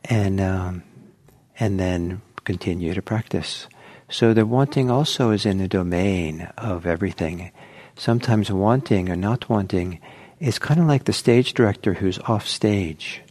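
Gentle, low-voiced male meditation teacher. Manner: slow, gentle, pausing often. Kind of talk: guided meditation talk. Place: meditation center.

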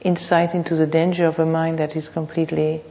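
Creaky-voiced woman in a hall. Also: low voice, level tone, mellow. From Thailand. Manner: reflective, halting, with pauses and repeated phrases. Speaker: meditation teacher. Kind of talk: unscripted dharma talk. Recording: muffled, reverberant hall.

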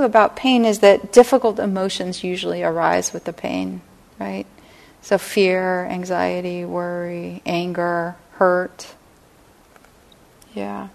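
A middle-aged woman teaching a meditation class, speaking gently and unhurriedly and often checking in with her listeners. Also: mid-range voice, creaky. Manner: gentle, unhurried, lots of "right?" and "you know". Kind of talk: dharma talk to a class. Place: meditation hall.

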